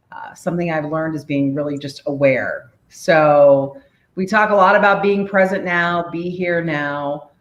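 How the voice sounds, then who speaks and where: A woman in her forties from the DC area, a mayor, talking as a podcast guest in an energetic, upbeat way and laughing often. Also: on the low side, roomy sound, muffled recording. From United States, DC area. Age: 40s. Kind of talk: podcast interview, casual.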